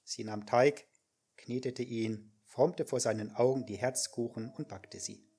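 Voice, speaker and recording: Husky man reading scripture aloud. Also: medium pitch, unhurried, a little mellow. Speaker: scripture reader.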